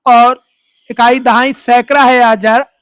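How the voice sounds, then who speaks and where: A maths teacher explains steps slowly and keeps quizzing the listener with call-and-response questions. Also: mid-range voice, steady tone, fairly bright tone, no echo, studio quality. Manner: slow, step-by-step dictation. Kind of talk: online tutorial explanation.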